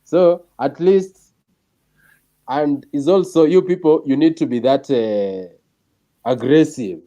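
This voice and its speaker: Mellow Kenyan man in casual chat. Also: a little high, slow pace. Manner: mixes Swahili and English.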